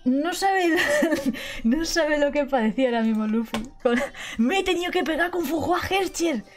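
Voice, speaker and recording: A woman's voice: sits high, lively intonation, normal speed. A young woman with a Spain Spanish accent commentating her gameplay, pleading and laughing in panic. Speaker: gaming YouTuber. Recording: faint background noise.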